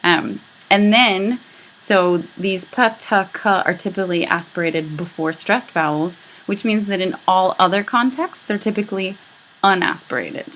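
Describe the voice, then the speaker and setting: A woman gives a recorded lecture in a slightly low voice. She explains each point patiently and step by step. Now and then she says sample sounds aloud to show them. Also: fairly bright tone. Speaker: instructor.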